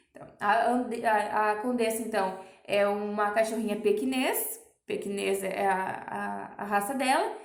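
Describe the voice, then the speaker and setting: Patient Brazilian teacher woman, high voice. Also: echoey room. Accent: Brazilian Portuguese. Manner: patient, explains slowly with many "ó" and "tá?". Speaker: primary school teacher. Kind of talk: recorded remote class lesson.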